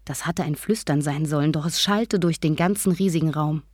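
A woman narrating a first-person story in a calm, measured storytelling manner. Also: deep voice, slightly rough, dry recording, studio quality. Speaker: audiobook narrator.

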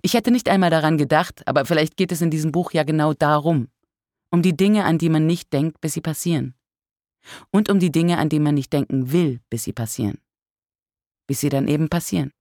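A narrator reading a first-person book aloud in a calm, measured way with dry humor. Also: mid-range voice, dry recording. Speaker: audiobook narrator. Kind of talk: scripted audiobook narration.

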